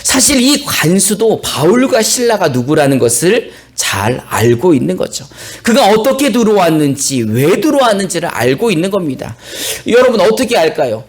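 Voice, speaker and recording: A male pastor preaching a sermon and reading scripture, telling the story with animated, acted-out flair. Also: high voice, normal speed, hardly any pauses. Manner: animated storytelling, acts out biblical characters.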